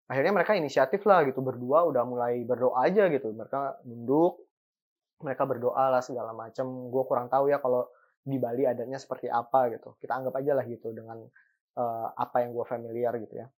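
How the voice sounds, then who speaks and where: A host telling a ghost story in a chatty, casual way, full of fillers and building suspense. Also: medium pitch.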